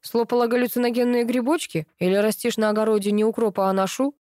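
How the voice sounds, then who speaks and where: A woman's voice: a little high, steady tone, quick pace, a little mellow, no room sound, clean studio sound, pitched above the performer's own voice, lightly acted. A woman reading an audiobook, voicing a sarcastic young man who teases his sister, in a mocking, ironic manner. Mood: incredulous.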